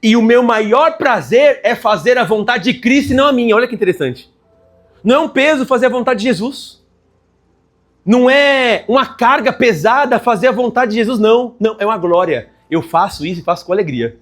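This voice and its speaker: A man with a high voice preaching a Sunday sermon. He leans hard on his phrases, slowing down to stress key words. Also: expressive. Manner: emphatic preaching with many slow stressed phrases. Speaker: pastor.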